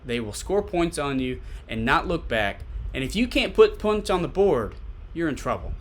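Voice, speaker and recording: A man's voice: on the high side, sing-song, moderate pace. A man giving casual solo sports commentary as a podcast host, conversational and repeating points for emphasis. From Tennessee, USA.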